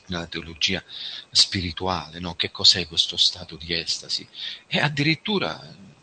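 A man giving a spiritual talk, reflective and slow, addressing his listeners as friends and reading them a testimony. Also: low-pitched, sharp tone, a little hiss or hum. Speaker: religious speaker.

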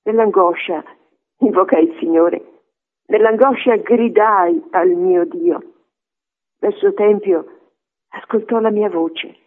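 A man reading a psalm aloud in a measured, reverent way on a radio program. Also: high-pitched. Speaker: co-host reading scripture. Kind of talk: slow solemn reading. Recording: phone-like radio broadcast.

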